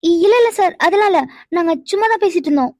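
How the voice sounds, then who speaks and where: A woman's voice: very high voice, fast talker, no room sound, studio quality. A woman voicing a fretful, panicky young woman. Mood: flustered. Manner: exclaiming, defensive, fretful. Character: anxious young woman Iniya, quick to panic. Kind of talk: animated cartoon dialogue.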